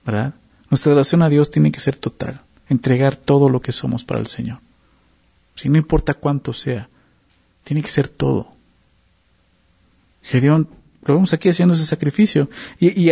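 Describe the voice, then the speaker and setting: A man's voice: fairly high pitch, vocal fry, mellow, breathy edge. A man preaching a sermon in a conversational teaching manner, often adding tag questions and repeating words as he searches for phrasing. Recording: dull lo-fi sound.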